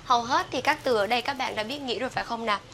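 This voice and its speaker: A Vietnamese woman with a Vietnamese accent giving an English pronunciation lesson, drawing out model words slowly between quick explanations. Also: fairly high pitch, a bit bright, a little hiss or hum. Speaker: English teacher.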